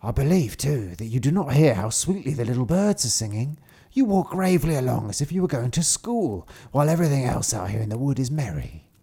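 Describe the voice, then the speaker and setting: A man voicing a sly, hungry wolf in a coaxing, crafty manner with a gravelly, husky voice. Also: mid-range voice, big pitch swings, brisk, dark tone, exaggerated voice. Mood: wheedling.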